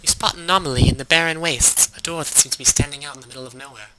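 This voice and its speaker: A young man hosting a game playthrough, reading on-screen text aloud with sarcastic, deadpan asides. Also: on the high side, racing, crowd noise, low-quality recording. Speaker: let's play host.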